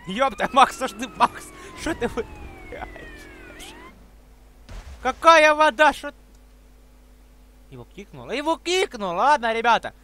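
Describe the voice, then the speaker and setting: A young man doing excited gameplay commentary, exclaiming often in street slang. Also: very high voice, moderate pace, pauses often. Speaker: gaming video host.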